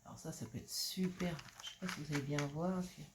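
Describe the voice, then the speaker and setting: Middle-aged woman, lowish voice, hesitant chatty haul vlogger; loud wrapper crinkling behind. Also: quick pace, background noise. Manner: hesitant, full of "euh" and repeated words while showing items. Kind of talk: casual show-and-tell haul chat. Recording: clear crinkling of packaging and clicks.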